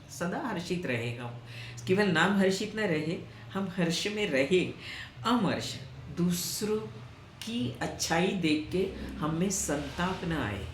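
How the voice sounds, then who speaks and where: A woman giving a scripture lesson in an unhurried, measured voice that sits a little low. She draws out the verses as slow chants, then slips into plain conversational explanation. The room rings with echo, and a faint hum of ambient noise sits underneath. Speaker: Gita teacher. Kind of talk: slow explanatory teaching talk.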